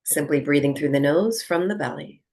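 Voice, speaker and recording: With a low voice, this female breathwork teacher gives gentle relaxation directions slowly, separating her phrases with long pauses.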